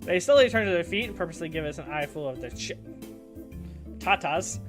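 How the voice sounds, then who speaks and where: A young man streaming a visual novel, reading the narration aloud with animated joking asides. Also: fairly high pitch, brisk, over music.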